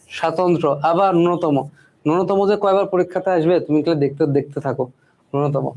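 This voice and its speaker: This spelling teacher has a fairly high, darkish voice. Almost every point ends with him checking in — "ঠিক আছে?", meaning "right?" — and he repeats each word.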